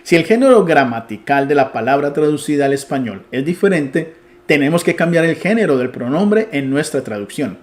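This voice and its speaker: A man's voice: on the high side, expressive, fairly quick. Man teaching Greek grammar patiently. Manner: explains patiently, restarts and asks "¿sí?". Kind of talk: online grammar lesson.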